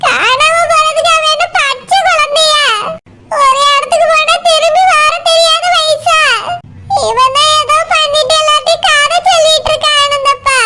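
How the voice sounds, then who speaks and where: A woman voicing a tearful elderly village mother-in-law in a cartoon, wailing and shouting through tears. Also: extremely high pitch. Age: older. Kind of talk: cartoon village comedy voice acting. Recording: loud background noise.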